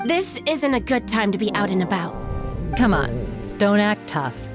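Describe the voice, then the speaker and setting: Animated, gruffly caring guard. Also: female voice, mid-range voice, a little slow, over music. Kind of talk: video game dialogue.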